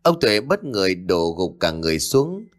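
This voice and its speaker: A man narrating a ghost story in a dramatic, expressive reading. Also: on the low side, moderate pace. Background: faint background music.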